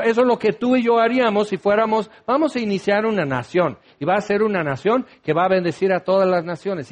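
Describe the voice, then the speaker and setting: A man preaching a sermon, lively and acting out the voices of the people he quotes. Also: high-pitched. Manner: animated, acts out quoted voices.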